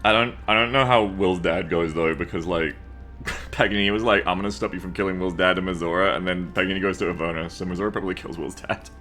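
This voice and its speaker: Music plays behind a game streamer with a deep, pushed and bright voice who talks fast in a steady tone. His casual stream chat about the game is full of jokes and free swearing.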